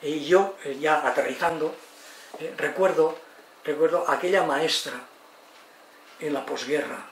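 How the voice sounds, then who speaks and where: An older man in his eighties from Spain, giving a lecture in an expressive way, often asking "eh?" and acting out the people he quotes. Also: fairly high pitch, unhurried, long pauses. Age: 80s. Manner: expressive, tag questions, acts out quotes. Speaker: lecturer on psychology and education. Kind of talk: lively lecture talk. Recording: roomy, distant mic, faint noise.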